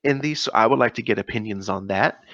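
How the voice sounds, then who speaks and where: A man's voice: fairly low pitch, fast talker, fairly bright tone, dry recording, highs cut off. A man co-hosting a gaming podcast in casual chat, rambling with many fillers and laughs. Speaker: podcast co-host.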